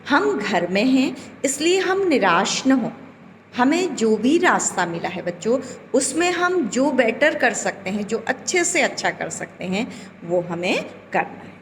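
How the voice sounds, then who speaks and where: Slow, patient woman teaching children. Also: a little high, sing-song, long reverb tail, slight background noise. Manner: slow, deliberate, drawing out vowels and asking questions to the children. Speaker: school Hindi teacher. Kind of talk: recorded online class lesson. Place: home.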